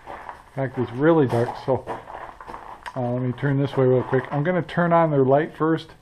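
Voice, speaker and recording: A man's voice: mid-range voice, fairly even intonation, moderate pace, a little mellow, slight background noise, poor audio. A man in his sixties chatting casually as a homestead vlogger outdoors by a barn, rambling with lots of fillers and restarts. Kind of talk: casual chat to camera. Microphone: action camera at arm's length.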